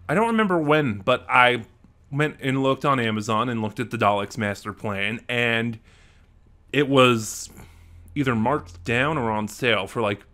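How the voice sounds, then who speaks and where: This vlog host is a young man whose fairly low voice comes across bright and forceful. Sitting indoors in a small home room, he talks conversationally into a close desk mic, unboxing and reviewing things in a relaxed, chatty way.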